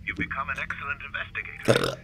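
An actor playing a cryptic, calm older man on the phone in a horror game, speaking in a measured way. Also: mid-range voice, natural voice, rough recording. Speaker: mysterious caller in a horror game. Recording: game audio with crowd noise behind.

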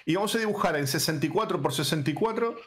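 A man's voice: on the high side, animated, quick pace, breathy edge. A man joking and bossing his co-host around while playing a game. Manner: teasing, game-show bossy. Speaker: gaming co-host. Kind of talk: casual gameplay chat.

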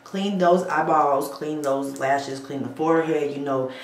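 A beauty vlogger gives a casual how-to at her bathroom sink, chatting with viewers and checking in with "okay?" along the way. Her low voice stays steady at a measured pace, and the recording has roomy echo with faint ambience.

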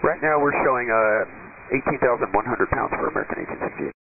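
A man's voice: mid-range voice, fast. A man, an airline pilot on a cockpit headset, making polite, businesslike, clipped calls over aircraft radio. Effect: aircraft radio transmission. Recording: noisy narrowband cockpit radio transmission.

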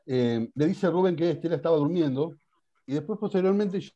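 Man with an Argentine accent on a choppy, low-quality internet stream. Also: warm tone. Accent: Argentine Spanish. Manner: hesitant, apologetic, halting with fillers. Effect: poor-quality internet call audio. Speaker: lawyer questioning a witness. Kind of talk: courtroom questioning over a video call. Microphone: computer microphone on a video call. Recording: dull lo-fi online stream.

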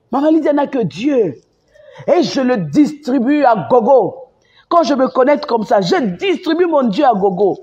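Une dame de kinshasa qui râle en live, accent congolais, répète tout, mélange français lingala, son étouffé. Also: female voice, a little high, a little mellow, slightly rough. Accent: Congolese French. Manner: emphatic and repetitive, mixing French with Lingala. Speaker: live-stream host. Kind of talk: impassioned live-stream rant. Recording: dull lo-fi sound.

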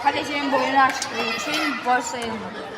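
A woman's voice: fairly even intonation, normal speed. A woman giving live commentary on a football match, speaking outdoors at a tournament. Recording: noisy outdoor pitch with loud crowd.

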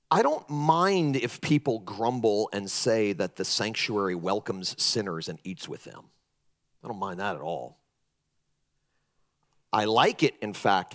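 Middle-aged guy preaching, emphatic and animated, pitch jumps all over. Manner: animated, emphatic, mocking voices of critics. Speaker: pastor. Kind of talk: sermon.

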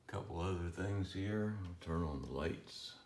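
Slow, deep-voiced man on a home tour. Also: reverberant, a little hiss or hum. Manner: relaxed, rambling, chuckles often. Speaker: collector giving a home tour. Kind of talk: casual filmed walkthrough. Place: room in a home.

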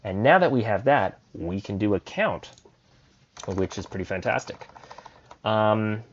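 A man with a lowish voice walks through code in a relaxed coding tutorial, thinking aloud as he goes. The recording is dull and lo-fi, with keyboard typing behind him. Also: a little slow, a little hiss or hum. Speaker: programming tutor.

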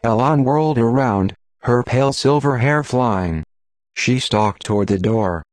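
A man narrating an audiobook in a steady, even storytelling manner. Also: mid-range voice, unhurried, dry recording. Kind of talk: scripted narration.

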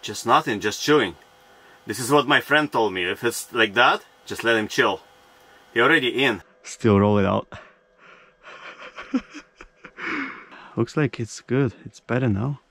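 A man in his thirties talking to camera from an ice-fishing tent, in broken non-native English and breaking into excited exclamations. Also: mid-range voice, a little slow, long pauses. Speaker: fishing vlogger. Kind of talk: casual vlog narration to camera. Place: inside an ice-fishing tent on a frozen lake. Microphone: action camera mounted in the tent.

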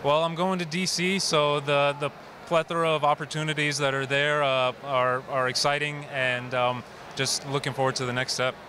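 Measured young man, thoughtful replies. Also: on the high side, flat delivery, background noise. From Bulgaria. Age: young adult. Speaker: graduate being interviewed. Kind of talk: casual interview.

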